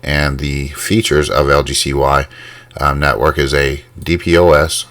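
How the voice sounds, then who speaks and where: Very deep, flat-voiced man with many ums. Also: no echo. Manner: halting, many ums and uhs. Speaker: crypto channel host. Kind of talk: casual screen-share walkthrough.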